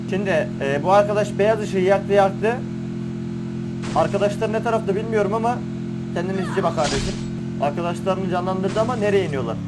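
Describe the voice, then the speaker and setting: A young man giving excitable, slangy play-by-play of a shooter game, teasing the players he beats. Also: high-pitched. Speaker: gaming streamer. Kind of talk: live gameplay commentary. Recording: game music and gunfire behind.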